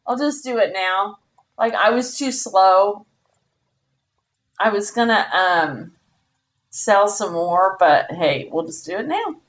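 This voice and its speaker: A woman commentating her own live game stream in a bubbly, excitable way, squealing when she wins. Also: mid-range voice, slow, pauses often.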